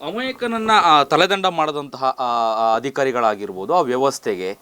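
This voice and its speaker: A male interviewer with a Kannada accent, asking a halting question full of hesitations. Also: mid-range voice, expressive, sharp tone, clear, resonant tone, no room sound.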